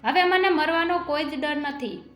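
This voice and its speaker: A woman's voice: high-pitched, moderate pace, fairly bright tone. A woman voicing a brave, resolute young husband in a spoken story. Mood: defiant. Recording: echoey room with faint music.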